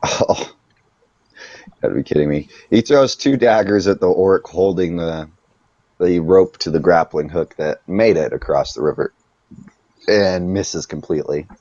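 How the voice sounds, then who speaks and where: A man narrating a tabletop game as game master, casual and quick to exclaim at bad rolls. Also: deep voice, mellow, dry recording, muffled recording.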